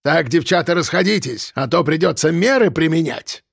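A man voicing a gruff, bossy watchman of about fifty. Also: on the high side, lively intonation, normal speed, no echo, studio quality. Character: man around fifty, stern and fussing watchman.

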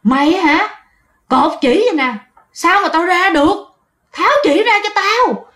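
A woman's voice: very high voice, steady tone, moderate pace, bright, forceful tone, voice pushed up. A woman voicing a vicious, greedy ghost-possessed old woman who shrieks and snarls. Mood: furious.

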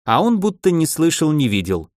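Male fantasy audiobook reader, wry measured delivery, dry studio sound. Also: a little high, very animated, dry recording. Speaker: audiobook narrator. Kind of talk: scripted fantasy audiobook narration.

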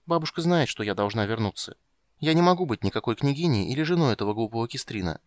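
A man's voice: medium pitch, dry recording, voice pushed up, close to an everyday voice. A man voicing a pushy little princess girl. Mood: excited, insistent. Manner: pleading, fast excited chatter.

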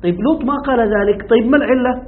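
A man's voice: very high-pitched, rapid-fire. A man teaching a commentary lesson, often asking his students if they follow and posing questions to them. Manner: keeps asking students if it's clear; poses rhetorical questions. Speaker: sheikh teaching Quran commentary. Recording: tinny phone-like audio.

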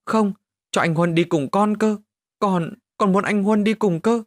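A man's voice: mid-range voice, very animated, normal speed, dry recording, clean studio sound, voice pushed up. A man voicing a lonely chubby little boy who talks in a whiny, pleading way. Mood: tearful.

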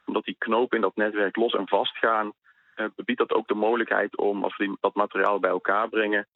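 A man's voice: lowish voice, flat delivery, brisk, dry recording. A man interviewed over the phone as a university researcher, explaining in a hesitant way with many fillers. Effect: phone line. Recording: tinny phone line, dry.

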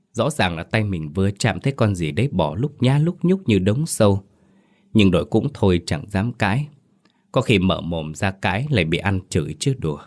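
Man, very deep voice, steady grave horror narration. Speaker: storyteller.

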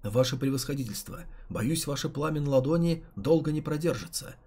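Male reader as a composed, polite young prince in a storybook, husky and mellow. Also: on the high side, lively intonation, brisk. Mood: courteous. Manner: courteous and composed.

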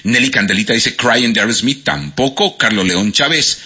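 Speaking at a moderate pace in a slightly rough, medium-pitched voice, a Colombian-accented man hosts a radio quiz. He's animated as he reads out what listeners answered, and the broadcast audio is lo-fi.

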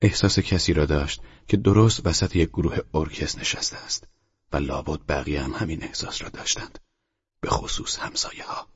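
Audiobook narrator: man, very deep and breathy, quiet measured delivery, dry lo-fi sound. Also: dry recording. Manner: quiet, measured, at times near a whisper. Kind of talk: scripted narration. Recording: dry, dull lo-fi studio recording.

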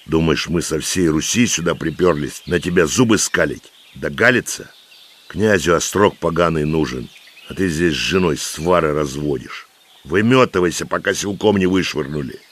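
A man voicing a gruff, stern military commander in an audiobook, with music behind. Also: a bass voice, normal speed. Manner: barking, commanding.

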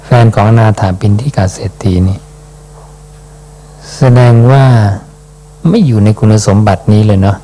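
In a fairly low voice, with slight background noise, a male Buddhist monk reads scripture and unpacks its meaning in a leisurely dhamma talk. A soft questioning particle ends his phrases.

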